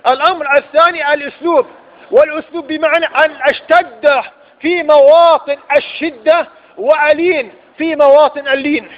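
A man with an Egyptian accent giving a religious lecture, often asking rhetorical questions and repeating his points for emphasis. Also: very high-pitched. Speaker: preacher. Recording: dull lo-fi recording.

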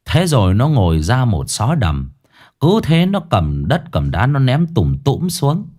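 A man's voice: medium pitch, wildly swooping pitch, a little slow, a little mellow. A man narrating a ghost story, dramatic and blunt, with coarse slang.

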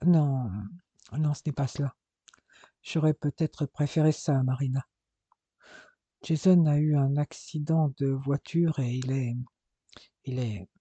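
A man's voice: medium pitch, fairly even intonation, slow pace, long pauses, warm tone, husky, no echo. A man voicing an anxious, distraught young man pleading with his twin brother, in an audiobook. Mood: anguished. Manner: agitated, imploring.

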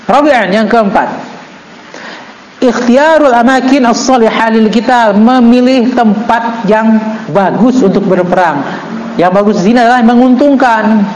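A man teaching an Islamic book study. He reads Arabic text slowly, then explains it with joking asides. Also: very high-pitched, a little mellow, reverberant, a little hiss or hum, poor audio. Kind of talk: religious book study lesson.

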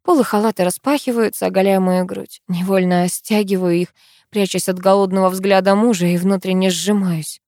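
A woman's voice: mid-range voice, fairly even intonation, moderate pace, darkish tone, no room sound, clean studio sound. A woman reading a first-person story aloud as an audiobook narrator, with a tense, tearful, pleading delivery.

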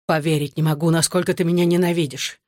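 A reader doing an enraged, shouting husband. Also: medium pitch, little pitch movement, fast, dry recording, clean studio sound, lightly acted. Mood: raging. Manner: shouting through gritted teeth. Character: enraged husband, adult man. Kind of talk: audiobook narration.

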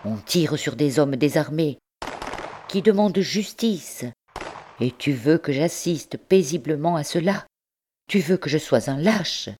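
Impassioned young male rebel, grave and fervent, read by a woman narrator, measured and low-toned. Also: mellow.

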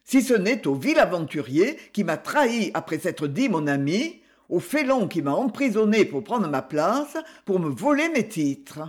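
A man's voice: high voice, big pitch swings, unhurried, hardly any pauses. A man reading the part of an angry chained nobleman prisoner, fierce and accusing in an audiobook. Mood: furious.

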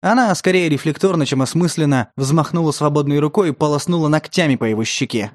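A man narrating a tense story in a steady, scripted audiobook style. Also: fairly high pitch, fast.

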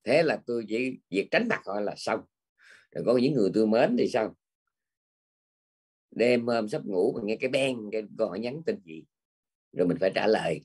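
Husky, lowish and somewhat dark, this older Buddhist teacher's voice carries a conversational dharma talk. He frequently ends his sentences with small prompting words.

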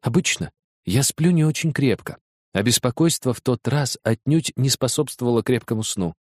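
A man narrates in the first person at a measured, storytelling pace. His pitch sits in a middle range for a man. The close studio mic gives a dry sound with no room around it. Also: expressive, a little mellow, dry recording. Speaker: audiobook reader.

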